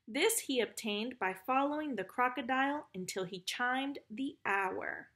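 A woman reading a children's story chapter aloud, gentle and affectionate. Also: a little high, expressive, a little slow.

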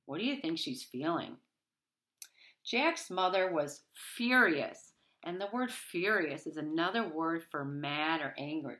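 Indoors in a small wood-panelled room at home, a middle-aged storybook reader delivers a picture book to young children with lively drama and emphasis. Her voice sits low and sounds animated, bright and forceful, moving at a measured pace.

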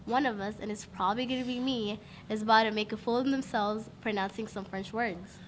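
A woman's voice: on the high side, steady tone, fairly quick, slight background noise. A teenage girl anchoring scripted school announcements, bantering and lightly wry. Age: teens.

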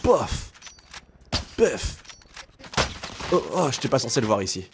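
Streaming a shooter game on a gaming headset, a man jokes with his chat in casual commentary, making sound effects and lapsing into mock English. His medium-pitched voice swings widely in pitch at a slow pace, with background noise present.

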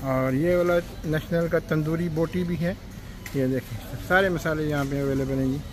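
A man speaking at normal speed in a fairly high voice films a casual walkthrough of supermarket aisles. Amid shop noise, he chats, lists prices, and keeps saying "ji" and "janab".

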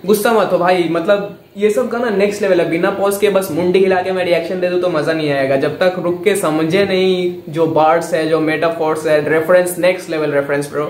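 A man hosting a music reaction channel, explaining song lyrics in casual commentary, hyped up and switching between Hindi and English in quick bursts. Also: high-pitched, steady tone, echoey room.

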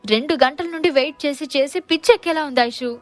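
Woman doing a playful young husband for an audio story, sarcastic banter, voice pitched high. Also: fast, soft background music, lightly acted. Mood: teasing. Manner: bantering, mock-exasperated.

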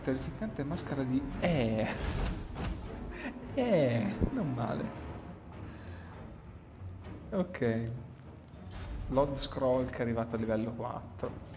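A gaming YouTuber talks through his gameplay casually, thinking out loud in a mid-range voice with lively intonation, a slow pace and long pauses. He's indoors in a small, empty, echoey room, and the background noise is clearly audible.

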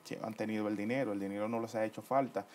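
A man's voice: fairly low pitch, steady tone, racing, a little mellow. A man interviewing a guest on a television program, asking his questions in a friendly, playful way.

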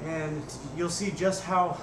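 A young man in his twenties, a fitness vlogger, talks casually and bluntly through a home workout in a small room, swearing now and then and straining and grunting through reps. His voice is fairly high and fairly even, and he speaks slowly. The webcam sits at desk distance, so the audio is noisy and the room echoes.

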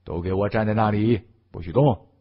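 A man's voice: brisk, breathy edge, dull audio. Man doing a weary ancient cultivator. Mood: stern. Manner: low, quiet, sighing.

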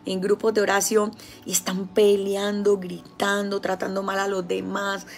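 A woman with a Colombian accent giving a casual spiritual talk, telling stories with lively, acted-out quotes. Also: mid-range voice, measured pace, creaky. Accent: Colombian Spanish. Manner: animated storytelling, acting out quoted voices. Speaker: spiritual healer.

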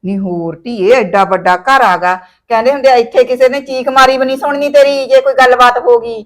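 A woman's voice: a little high, brisk, lightly acted. An actress playing a caring older mother who visits her married daughter, talking in a homely, advising way full of sayings, with a Punjabi accent. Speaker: actor. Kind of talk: village short-film acting.

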